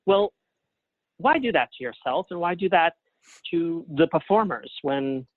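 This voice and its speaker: A middle-aged man, a guest playwright in a casual interview, talks in a voice that sits on the high side, animated and a little slow. The recording is dry, coming over a thin, narrow phone-like line with very little room sound. He tells his stories modestly and pokes fun at himself.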